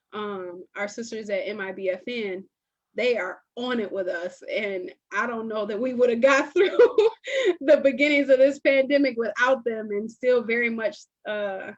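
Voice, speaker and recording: A woman hosting a casual talk show, relaxed and conversational, sometimes drawling her words slowly. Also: mid-range voice, muffled recording. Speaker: host. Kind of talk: casual chat.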